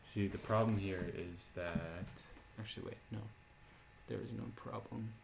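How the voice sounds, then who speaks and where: A man in casual chat, calmly reading out trade prices and profits. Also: on the low side, a little slow, creaky, background noise. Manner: calm, reading out numbers.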